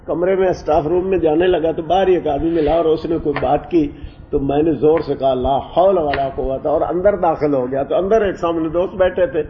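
A man teaching a class on Quranic Arabic. He explains the grammar at length, wanders off topic, and recites verses slowly. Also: on the high side, steady tone. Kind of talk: classroom lecture on scripture and grammar. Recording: muffled lo-fi classroom recording with faint hiss.

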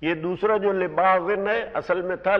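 A man gives a careful lesson, explaining words one at a time in a slightly raised voice. He slows down to stress key terms. The recording sounds muffled, with a long reverb. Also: high-pitched, fairly even intonation. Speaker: Quran teacher. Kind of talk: word-by-word Quran grammar lesson. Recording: dull recording in a reverberant hall.

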